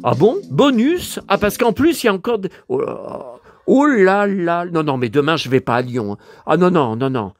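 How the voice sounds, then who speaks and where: A hoarse man in a casual vlog, talking to his viewers and muttering exclamations to himself as he browses through his purchases. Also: sits high, very animated, moderate pace, hardly any pauses, soft background music. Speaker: vlogger showing his purchases.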